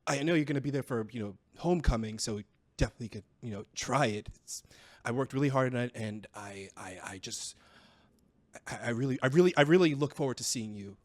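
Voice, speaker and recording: A man's voice: medium pitch, close to an everyday voice. Stammering young brewer hosting a party in a fantasy tabletop game, played by a man, eager and jittery. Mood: nervous. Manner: stammering, halting. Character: young male student brewer, eager and nervous.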